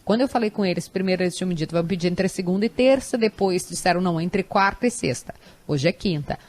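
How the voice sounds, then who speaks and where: Radio co-host lady, talks loud, kinda low voice, explains stuff step by step. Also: fast talker. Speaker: radio show host and news commentator. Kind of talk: radio news commentary. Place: radio studio.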